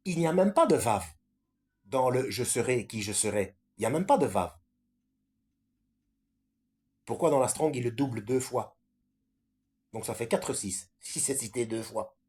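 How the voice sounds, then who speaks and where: Husky, hesitant man talking scripture. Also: mid-range voice, a little mellow. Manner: hesitant, many fillers and self-corrections. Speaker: Bible study video maker. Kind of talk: casual solo talk on scripture.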